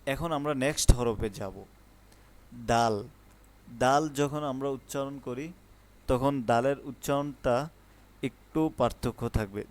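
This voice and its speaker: A man teaching the Arabic letters in an online lesson, explaining each one patiently and then calling it out loudly and drawn out. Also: medium pitch.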